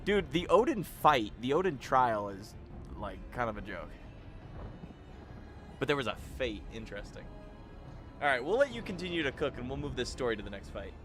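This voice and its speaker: A man's voice: mid-range voice, big pitch swings, normal speed, long pauses, fairly bright tone, soft background music. A man hosting a casual gaming livestream, laughing often and talking to his chat. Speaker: streamer host.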